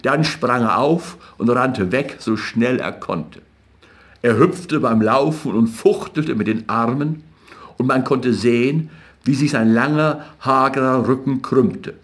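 A man reading literary fiction aloud as an audiobook narrator in a measured, even way. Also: mid-range voice.

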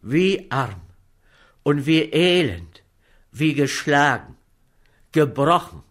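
A man's voice: fairly high pitch, big pitch swings, slow pace, fairly bright tone, heavily acted. A man doing a gloomy, lamenting poor young man. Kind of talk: audiobook character voice.

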